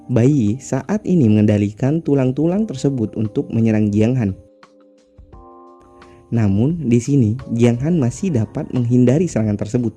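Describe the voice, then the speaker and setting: Guy doing a chill comic recap, explains bits to viewers, deep mellow voice, faint music behind. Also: expressive, moderate pace. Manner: explanatory asides to listeners. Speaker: narrator of a comic recap channel. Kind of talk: casual story recap narration.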